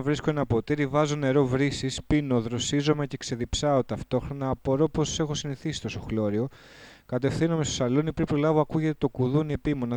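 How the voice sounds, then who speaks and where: A man's voice: medium pitch, a little mellow, clean tone. A man reading his own surreal first-person story in a casual, slangy way, stopping to correct his lines. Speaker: performer recording a spoken piece.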